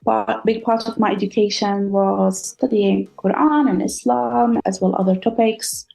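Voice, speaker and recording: A woman's voice: mid-range voice, steady tone, normal speed, vocal fry, dark tone, faint music behind, rough recording. A woman whose first language is Arabic, raised in the Gulf of Palestinian family, telling her faith story as a podcast guest in an earnest, reflective way with some hesitations. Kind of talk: personal testimony interview.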